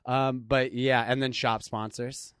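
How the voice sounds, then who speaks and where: A man's voice: medium pitch, flat delivery, measured pace, a bit bright, clear, resonant tone, no room sound, clean studio sound. A man with a slight lisp and a mixed, faintly Midwestern American accent, chatting as a podcast guest and joking at his own expense. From Seattle and New York, USA. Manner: self-deprecating, laughs through his lines. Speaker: guest comedian and skateboarder. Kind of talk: casual podcast chat.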